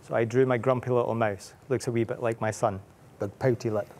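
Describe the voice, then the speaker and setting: A man's voice: mid-range voice, steady tone, brisk, a little mellow, a little hiss or hum. A middle-aged man, an author reading his picture book aloud to children, playful and full of questions for them.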